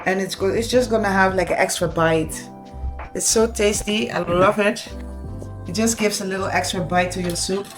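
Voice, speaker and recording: A woman with a mid-range, steady voice and a Dutch accent talks at normal speed while cooking in her home kitchen in the Netherlands. Dutch is her first language and she has children; as a cooking vlogger she's chatty, speaks straight to viewers and uses Dutch words. The space is echoey, with music in the background.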